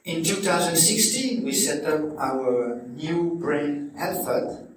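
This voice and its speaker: A man from Belgium with a French accent, a nutrition coach giving a friendly, halting talk to a club audience. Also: fairly high pitch, animated, a little hiss or hum. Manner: friendly, hesitant, with many fillers. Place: hotel function room. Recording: echoey room, distant mic.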